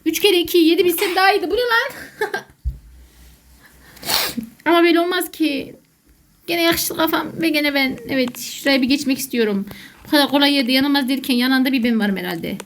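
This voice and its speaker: A woman's voice: sits high, fairly quick, long pauses, a bit bright, slight background noise. A woman doing jokey, panicky let's play commentary as a gaming YouTuber who calls herself a gamer mom.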